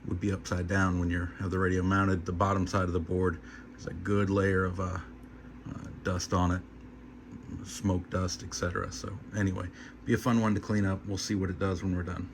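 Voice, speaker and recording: Speaking a little fast in a low, flat voice, a man demonstrates hands-on radio repair in a casual, unscripted hobbyist video. He's plain-spoken and hesitant, trailing off in short phrases, and the audio has noticeable background hum and noise.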